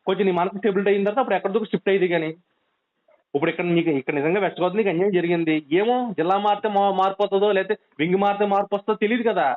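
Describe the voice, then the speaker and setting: This friend on a phone call has a coastal Andhra Telugu accent and a voice that sits high for a man, racing along in a steady tone. Heard through a thin, tinny telephone line, he urges and scolds insistently in an urgent, pleading conversation, repeating his points again and again.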